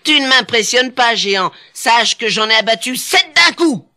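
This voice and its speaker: Man doing a cheeky little tailor, high and show-offy, voice jumping all over. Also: animated, moderate pace, sharp tone, exaggerated voice. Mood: cocky. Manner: shrill, boastful exclamations. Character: small, cocky, cunning male tailor. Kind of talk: storybook cassette narration.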